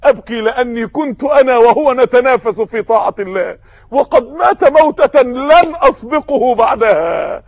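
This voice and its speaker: A man voicing a defiant, devout captive, making slow, solemn, emphatic declarations. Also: extremely high pitch, lively intonation, darkish tone, dry recording, muffled recording, exaggerated voice. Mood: fervent.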